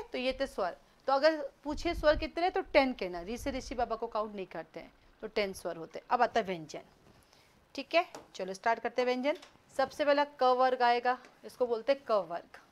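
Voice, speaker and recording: A woman teaching an online class, quizzing students, brisk and scolding, mixing in English words. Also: fairly high pitch, expressive. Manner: mixes Hindi with English words.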